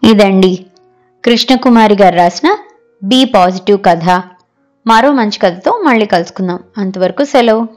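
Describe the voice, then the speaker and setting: A woman narrating a short story in a measured, even storytelling manner, as host of her story channel. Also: mid-range voice. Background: faint background music.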